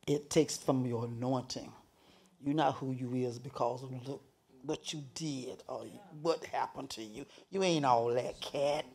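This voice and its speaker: A man's voice: mid-range voice, steady tone, a little slow, a little mellow. A man speaking as a guest on a panel, emphatic, with many call-and-response affirmations. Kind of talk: panel discussion.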